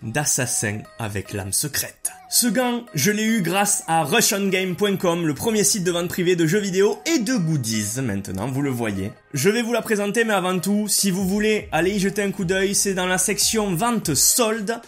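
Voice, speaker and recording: A man's voice: high-pitched, big pitch swings, moderate pace, hardly any pauses, soft background music. A man from France hosting a casual, enthusiastic unboxing vlog, talking loosely with lots of fillers. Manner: casual, enthusiastic, many fillers and hedging "hein", "quoi". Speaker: YouTuber. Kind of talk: unboxing and product review vlog.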